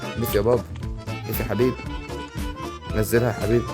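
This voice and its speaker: A young man with an Egyptian Arabic accent giving casual, excitable commentary over a video game he is playing. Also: lowish voice, music in the background. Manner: excitable, rapid banter and repeated exclamations. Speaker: gaming YouTuber.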